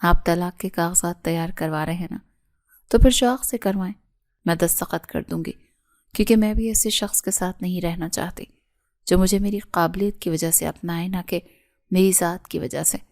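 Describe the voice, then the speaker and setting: A woman's voice: on the low side, darkish tone, close to an everyday voice. A woman reading the lines of a wounded young wife who coldly refuses her husband. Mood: reproachful. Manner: cold and cutting.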